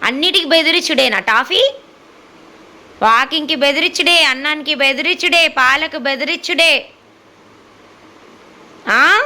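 High-pitched woman sweet-talking her dogs. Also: unhurried, long pauses, bright, forceful tone, poor audio. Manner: playful, teasing, sing-song coaxing. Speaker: dog owner vlogger.

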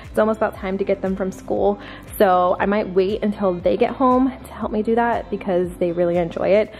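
A woman's voice: mid-range voice, a little mellow, lo-fi sound. Chatty woman showing off her groceries. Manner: chatty, friendly, talks straight to viewers. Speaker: family vlogger. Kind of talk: casual grocery haul chat. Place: large home kitchen, indoors.

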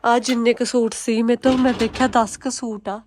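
A woman's voice: on the high side, little pitch movement, normal speed, a little mellow, a little hiss or hum. A young woman chatting informally at home to viewers and children, in a casual vlog style. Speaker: family vlogger, mother of small children. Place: indoors at home.

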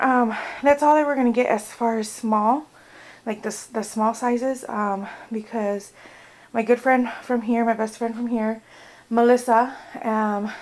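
A woman's voice: fairly high pitch, darkish tone, slight background noise, rough recording. Chatty young woman showing baby clothes. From United States. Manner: chatty, rambling, many fillers. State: out of breath. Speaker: vlogger. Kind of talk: casual haul vlog.

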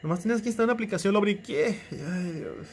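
A man's voice: high voice, fast talker, a little hiss or hum. A young man with a Mexican accent chatting through a casual phone tutorial, joking and teasing the viewer as he goes. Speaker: tech YouTuber.

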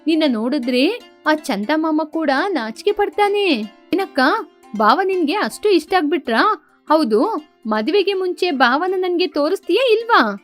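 A woman's voice: very high voice, measured pace, soft background music, full character voice. Woman doing a teasing young doctor sister. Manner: teasing, lively.

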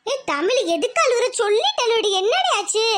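A woman's voice: very high-pitched, very animated, normal speed, background noise. A woman voicing a worried village mother in a homemade cartoon, scolding and pleading with her daughter. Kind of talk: cartoon voice acting.

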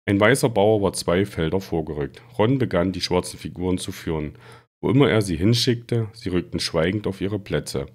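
A man reading a children's fantasy book aloud in a steady storytelling manner. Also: low voice. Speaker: reader.

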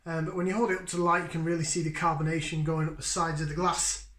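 Bright-voiced man tasting beer at home. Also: on the high side, little pitch movement, fast. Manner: enthusiastic, savoring, chatty with sniffs and sips. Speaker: beer reviewer. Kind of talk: casual beer tasting review. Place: home kitchen, indoors. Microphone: fixed camera at table distance. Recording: echoey kitchen.

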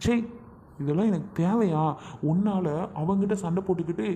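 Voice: mid-range voice, normal speed, warm tone, a little hiss or hum, natural voice. A performer playing a jealous young husband who blames his wife. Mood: resentful. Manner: scolding, bitter.

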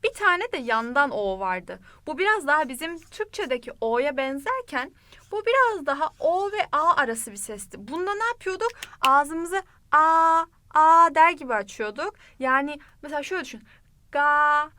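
A woman teaches an online language lesson in a high, bright voice. She talks to the learner in a friendly, direct way and repeats each word slowly and clearly. The recording is dry and close. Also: very animated, no echo.

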